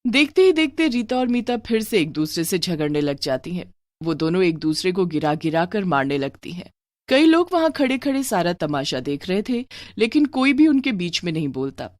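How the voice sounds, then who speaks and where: A woman narrating a cartoon horror story in a lively, expressive storytelling voice. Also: on the low side, normal speed, no echo, studio quality.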